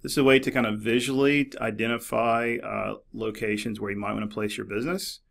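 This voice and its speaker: Low gravelly man explaining software. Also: a little fast. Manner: relaxed, explanatory, with frequent fillers and restarts. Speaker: librarian demonstrating a database. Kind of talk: screen-recorded tutorial narration. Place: office.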